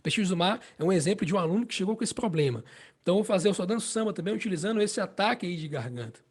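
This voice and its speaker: A man's voice: high voice, animated, a little hiss or hum. A man with a Brazilian Portuguese accent teaching harmonica in a casual spoken lesson, explaining patiently and often checking in with the listener. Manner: explains slowly, repeats phrases, checks with "né?" and "entende?".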